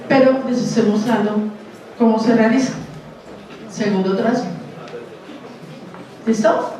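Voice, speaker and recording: A woman with a Colombian accent lectures at an unhurried, deliberate pace in a slightly high voice, checking in with her listeners after nearly every point. She is picked up from a distance in a hall with heavy echo. Faint noise sits behind her. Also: darkish tone. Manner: questions the audience constantly, slow and deliberate. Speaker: conference lecturer. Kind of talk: university lecture. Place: university auditorium. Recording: echoey hall, voice from far off.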